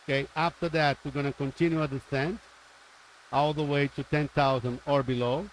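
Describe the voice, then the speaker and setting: A man's voice: on the high side, fairly even intonation, normal speed, a little hiss or hum, low-quality recording. Man briefing a cockpit approach. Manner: methodical, talks through procedures step by step. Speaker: simulator pilot instructor. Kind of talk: live-stream cockpit briefing.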